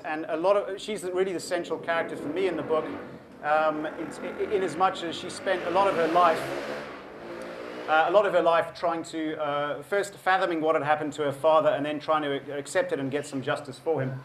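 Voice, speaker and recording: Speaking publicly about his book, a fairly high-voiced South African author in his forties keeps a steady tone and a slightly quick pace. He stays thoughtful, though many ums and false starts break in as he works out what to say. Faint room hiss lies beneath his voice.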